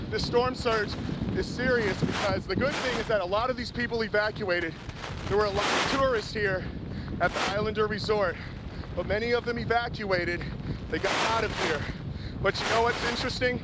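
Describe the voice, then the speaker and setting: A male field reporter giving an urgent, excited live storm report outdoors, shouting over wind and waves. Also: high voice. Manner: urgent, excited, talking to camera operator. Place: outdoors on a storm-battered pier and shore. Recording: loud wind and water noise. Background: wind, pounding waves.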